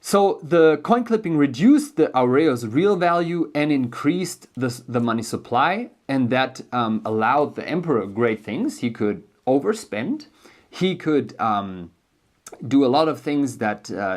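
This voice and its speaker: A man with a German accent who grew up in Germany, hosting an educational video and explaining a book in a loose, unscripted way, thinking aloud with many ums and restarts. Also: medium pitch. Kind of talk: casual spoken book explainer.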